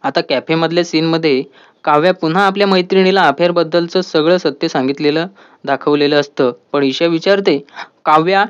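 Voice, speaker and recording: A man with a high voice narrates an episode recap, retelling each scene and reading the dialogue aloud. The audio is dull and lo-fi. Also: a little fast, clear, resonant tone. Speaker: TV serial reviewer.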